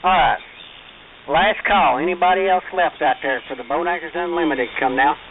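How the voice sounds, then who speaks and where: A man running an amateur radio net in a relaxed, folksy, polite way, his signal drifting slightly off tune. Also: on the high side, moderate pace. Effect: ham radio signal drifting slightly off tune. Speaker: net control operator. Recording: tinny shortwave radio with heavy hiss.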